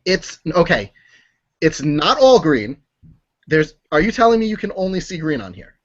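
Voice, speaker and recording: A man playing an earnest, flustered military aide in improv comedy, insistent and repeating himself haltingly. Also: a little high, big pitch swings, highs cut off.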